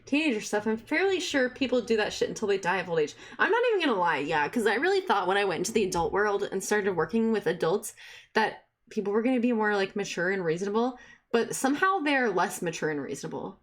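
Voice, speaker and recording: A woman's voice: medium pitch, very animated, fast talker. A young adult woman streaming a game, chatting expressively and swearing freely. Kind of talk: game commentary.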